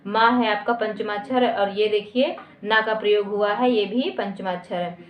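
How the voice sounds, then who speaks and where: A woman teacher giving a grammar lesson at a board. She asks her students questions and answers them herself, and she repeats each definition slowly. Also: medium pitch, steady tone, a little hiss or hum. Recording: echoey dull lo-fi room recording.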